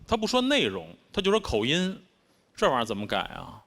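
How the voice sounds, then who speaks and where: A man's voice: medium pitch, wildly swooping pitch, brisk, vocal fry, fairly bright tone. A man with a Beijing accent doing a stand-up comedy set, wry and self-mocking in his delivery. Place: stage before a live audience. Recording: constant background noise.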